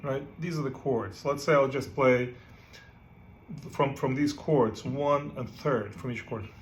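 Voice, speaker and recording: A man from Ukraine gives a casual guitar lesson, playing as he goes and often checking in with "right?" between filler words. His voice is mid-range and a little slow.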